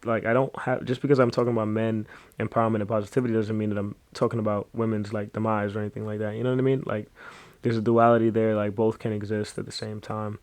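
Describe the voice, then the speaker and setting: A man's voice: lowish voice, level tone, fast talker, darkish tone, dry recording. A man hosting his own podcast, talking alone in a loose, rambling way with many fillers and asides. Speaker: podcast host. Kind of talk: casual solo podcast monologue.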